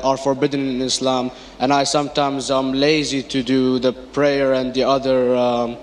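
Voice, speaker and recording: A man's voice: mid-range voice, slight background noise. Hesitant man asking from an audience. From Iraq. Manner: hesitant, many fillers. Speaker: audience questioner. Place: lecture hall audience.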